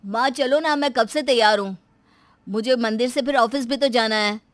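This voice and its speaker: A woman voicing an earnest, eager young man who feels insecure about his looks, in an animated moral story. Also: on the high side, moderate pace, no echo, close to an everyday voice. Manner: earnest, slightly eager pleading tone. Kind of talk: cartoon voice acting.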